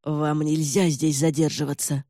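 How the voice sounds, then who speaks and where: A man's voice: on the high side, flat delivery, a little slow, mellow, dry recording, studio quality, close to an everyday voice. A man reading an audiobook and voicing a gaunt older lord who speaks curtly and snaps commands. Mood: commanding. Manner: curt, commanding, snapping.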